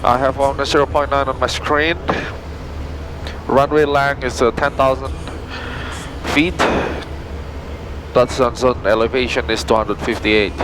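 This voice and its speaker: A man from Indonesia, an airline pilot, narrating and briefing from the cockpit in informal, halting non-native English. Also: medium pitch, steady tone, background noise. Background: music.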